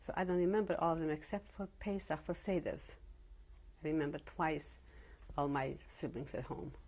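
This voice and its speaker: Her voice sits low and a little mellow, at normal speed: she is a Holocaust survivor in her seventies from Czechoslovakia, whose first language is Yiddish or Slovak, not English. Interviewed at home in Cleveland for an oral history, she recalls her early years reflectively, hesitating and restarting often.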